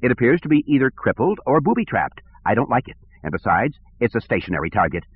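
A man's voice: medium pitch, very animated, fast, a little hiss or hum, pitched above the performer's own voice, lightly acted. A man voicing a petty, pompous male station director who talks in fussy, bureaucratic tones. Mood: snappish. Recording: tinny phone-like audio.

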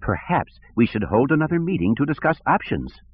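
A man's voice: mid-range voice, big pitch swings, fairly quick, a little hiss or hum, voice pushed up, lightly acted. A man voicing a petty, pompous male station director who talks in fussy, bureaucratic tones. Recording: tinny phone-like audio.

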